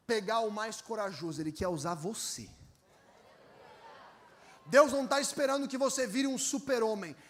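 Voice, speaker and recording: High-voiced Brazilian pastor preaching animatedly. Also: male voice. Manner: animated, acts out voices in his stories, calls on the congregation to repeat. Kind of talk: energetic sermon with storytelling.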